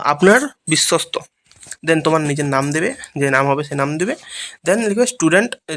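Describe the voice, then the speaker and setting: This Bengali-accented man gives a casual English lesson, reading and translating each line and explaining step by step while checking comprehension with brief tag questions. His voice is fairly high, bright, and forceful, with a little hiss or hum on the recording.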